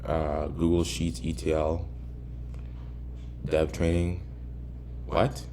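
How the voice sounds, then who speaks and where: A man with a deep, gravelly voice talks to himself as he works on code. He sounds far from the mic in an echoey apartment room, with noise and typing around him. His delivery is casual and halting, often wandering into side remarks. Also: completely flat delivery, warm tone. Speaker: programmer recording himself working. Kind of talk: casual think-aloud coding vlog.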